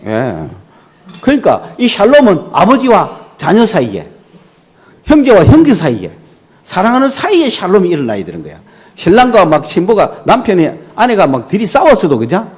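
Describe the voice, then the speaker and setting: Lively high-voiced pastor preaching. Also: male voice, moderate pace. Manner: animated storytelling, rhetorical questions to the congregation. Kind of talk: sermon.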